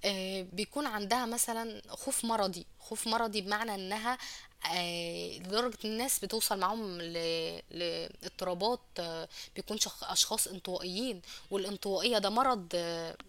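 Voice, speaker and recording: Woman, Egyptian accent, radio advice host, rapid delivery, self-correcting as she explains. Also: medium pitch, fairly bright tone. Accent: Egyptian Arabic. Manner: explanatory, frequent hesitant "ah" fillers and self-corrections. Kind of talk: relationship advice talk show.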